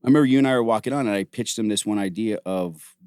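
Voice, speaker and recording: A middle-aged man hosting a casual podcast conversation, telling animated stories full of "like" and acted-out quotes. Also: on the low side, quick pace, smooth, no echo, studio quality. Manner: animated storytelling, acts out quotes; heavy use of "like", frequent restarts. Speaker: host.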